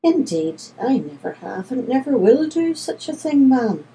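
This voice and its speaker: A canny country poacher, deferential and persuasive as he pleads his case, read by a woman in a slightly raised voice. The tone is low, mellow and gravelly underneath. It sounds like a storybook reading. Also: sing-song, moderate pace, slight background noise, low-quality recording. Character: canny, polite country poacher, a grown man.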